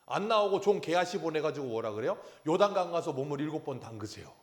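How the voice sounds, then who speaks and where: A man's voice: a little high, fast talker. A man preaching a Sunday sermon as pastor, telling Bible stories with acted quotes and questions to the congregation. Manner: animated storytelling, acting out biblical quotes and asking the congregation questions. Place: church sanctuary.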